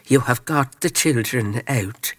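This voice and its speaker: A man doing a desperate man asking after the children, in a deeper voice. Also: slow, no room sound, recorded from a distance. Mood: urgent. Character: distressed grown man, fire survivor.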